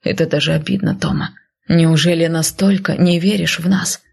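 A woman voicing a stern, protective northern warrior man who speaks in a low, hushed growl. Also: fairly even intonation, moderate pace, creaky, breathy edge, heavily acted. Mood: reproachful.

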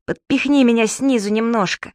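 A woman's voice: a little high, normal speed, no room sound, studio quality, voice pushed up, close to an everyday voice. A woman voicing a timid, fussy grown man in an audiobook, speaking in a strained, pleading, fretful way.

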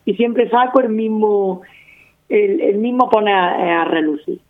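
A woman's voice: medium pitch, a little slow. Andalusian lady making her case on a podcast, keeps giving examples, sounds like a phone line. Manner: argumentative, explains with repeated examples. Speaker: guest running a language-teaching project. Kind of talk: casual radio talk.

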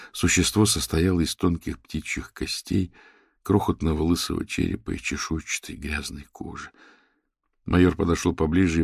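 Male narrator, deep and husky, lively pitch, dry close sound. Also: dry recording. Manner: expressive reading with husky, gravelly tone. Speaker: audiobook narrator. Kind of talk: scripted narration.

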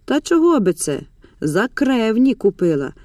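A woman's voice: on the high side, sing-song, a little slow, darkish tone, no echo, studio quality. A woman reading the part of a scrawny, ingratiating old grandmother with a folksy, coaxing way of speaking. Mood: defensive.

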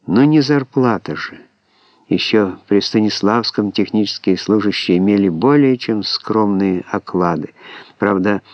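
A man calmly reading an audiobook in a measured, scripted narration. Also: on the low side, dry recording. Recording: dull, dry lo-fi MP3 audiobook recording.

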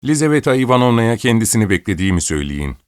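A man's voice: on the low side, big pitch swings, rapid-fire, clear, resonant tone, no room sound, studio quality, voice pushed up. A man reading an audiobook, voicing an old, imperious countess who scolds and gives orders. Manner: scolding, commanding, querulous.

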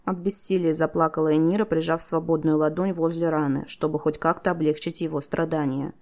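Gravelly low-voiced woman narrator. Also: a little fast. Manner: steady storytelling, voices the characters. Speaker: audiobook narrator. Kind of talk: scripted narration.

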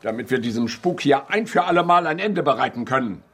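An actor in a German radio drama playing a grumpy, indignant old professor, fussy, formal and exasperated. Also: male voice, medium pitch, expressive, fairly quick, slightly rough. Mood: scolding, indignant. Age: older.

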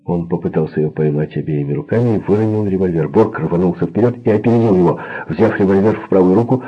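A man narrating an audiobook thriller with a husky, gravelly voice. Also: deep voice, fast. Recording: narrow phone-like sound.

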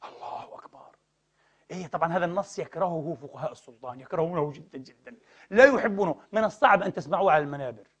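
A male preacher delivers a sermon at a rapid clip. His voice sits high, and he drives his points home by firing rhetorical questions and repeating key words. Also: expressive, husky, highs cut off. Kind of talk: sermon lecture to a congregation.

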